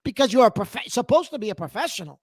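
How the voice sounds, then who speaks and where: A man's voice: extremely high pitch, expressive, fast talker, no echo, clean studio sound. A man co-hosting a sports podcast, arguing his point and repeating it insistently. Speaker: podcast co-host. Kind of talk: heated sports talk.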